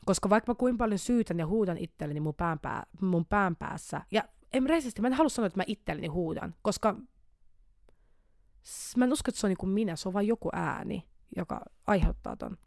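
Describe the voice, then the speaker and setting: A young woman hosts her own podcast, speaking openly in an animated, tumbling way, repeating words and restarting phrases as thoughts crowd in. Her voice sits at an ordinary mid pitch. It is recorded close and dry, with no room sound. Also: no echo. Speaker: podcast host. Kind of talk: candid personal podcast monologue.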